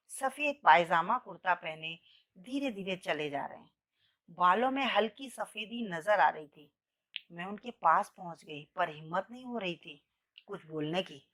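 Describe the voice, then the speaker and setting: A woman storyteller narrating a first-person romantic story in an expressive, emotional reading. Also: medium pitch.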